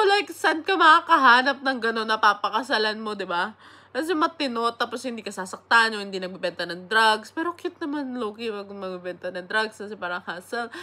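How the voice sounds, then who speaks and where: Bright-voiced Filipino woman rambling. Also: fairly high pitch. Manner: rambling, code-switching, swears casually. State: sick. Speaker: vlogger. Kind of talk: casual chat.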